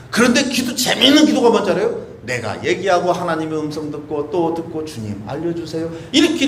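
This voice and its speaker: A male pastor preaching a sermon, talking conversationally with many rhetorical questions and acting out prayers. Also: sits high. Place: church sanctuary. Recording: echoey church room with faint hiss.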